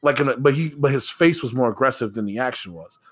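A man co-hosting a casual podcast, telling an animated story full of swearing. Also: medium pitch, fast. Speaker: podcast co-host.

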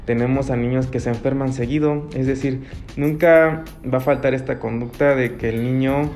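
Man, gravelly voice, earnest advice-giving guest. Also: mid-range voice, steady tone, moderate pace, a little mellow, soft background music. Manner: earnest, explanatory, frequent restarts and fillers. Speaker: guest expert on child bullying. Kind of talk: radio-style talk, advising parents.

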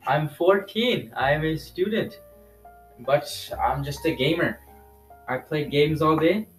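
A male co-host in a casual podcast chat, excitable and fond of roasting his friends. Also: a little high, takes it slowly, soft background music.

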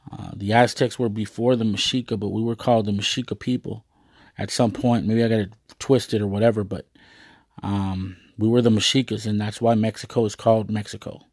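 A man's voice: fairly low pitch, steady tone, a little fast, a little mellow, no room sound, studio quality. A man giving a rambling, earnest monologue to his viewers, full of hesitations and fillers. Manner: earnest, proud.

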